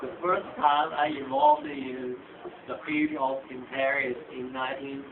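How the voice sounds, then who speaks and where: Gravelly Chinese-accented man, tinny lo-fi. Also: a little high, crowd noise. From China. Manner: halting, hunts for words. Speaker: interviewee, gamer. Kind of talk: casual interview answers. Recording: tinny lo-fi echoey room with noise.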